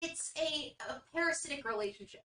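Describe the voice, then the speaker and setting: A woman's voice: sits high, animated, brisk, pushed and bright. A woman playing a tabletop game, explaining her character in a hesitant way with many restarts. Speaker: player. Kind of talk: casual table banter. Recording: roomy sound, distant mic, faint hiss.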